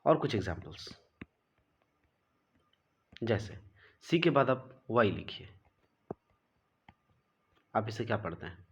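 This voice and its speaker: A man who teaches English pronunciation gives an unhurried classroom lesson, slowly explaining the rules in a low, husky, very animated voice. He spells each word out letter by letter, repeats it twice, and asks "right?" before moving on.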